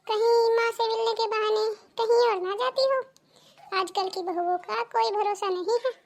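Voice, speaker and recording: A woman's voice: extremely high pitch, creaky. A woman voicing a scheming, gossipy older neighbor in a cartoon, speaking in an insinuating way. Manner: insinuating, stirs suspicion. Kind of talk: cartoon dubbing.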